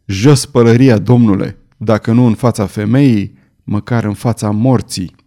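Storybook heroine: a proud, grieving young noblewoman, solemn and firm, read by a man, with a dark mellow tone. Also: fairly low pitch, steady tone, natural voice. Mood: resolute.

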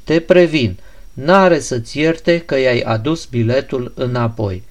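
A man's voice: medium pitch, close to an everyday voice. A man voicing a grave, stern young woman who gives curt instructions in a storybook reading. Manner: curt, serious.

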